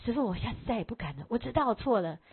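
A woman's voice: fairly high pitch, animated, very fast, slightly rough, full character voice. Woman voicing a fuming, indignant rich woman. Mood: pleading. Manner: complaining, indignant outbursts. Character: irritable rich woman, quick to anger. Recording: tinny phone-like recording.

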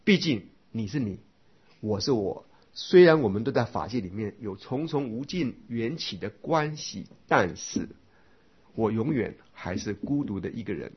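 A man's voice: medium pitch, slightly rough. A man teaching Buddhist doctrine in a lecture, explaining step by step and asking rhetorical questions. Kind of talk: dharma lecture. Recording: dull lo-fi lecture recording.

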